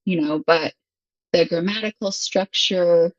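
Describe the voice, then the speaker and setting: An English teacher in her thirties from Michigan, USA, is a guest in a casual conversation, laughing frequently as she talks. Her fairly low voice is unhurried. The recording is muffled, without echo.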